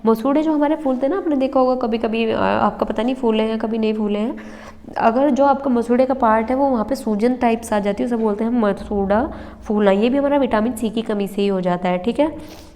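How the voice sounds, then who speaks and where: Working through handwritten notes, this young woman leads an exam-prep lesson step by step, pausing to check on her listeners and coughing slightly at times. She speaks briskly in a somewhat high voice with a dark tone, recorded in a roomy space with long reverb.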